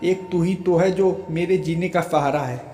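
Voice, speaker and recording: A man's voice: a little high, normal speed, mellow, natural voice. A man voicing a young soldier husband who jokes and teases his wife fondly, in a storybook reading. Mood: teasing. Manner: joking, teasing, laughing. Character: young soldier husband, playful, teasing, devoted. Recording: roomy echo with faint music.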